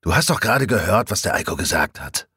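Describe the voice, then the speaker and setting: A weary police chief grumbling low, as a man reads him, husky and quiet. He brushes off his colleague in a dismissive mutter, from a storybook. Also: sing-song, fast, dry recording, clean studio sound, exaggerated voice.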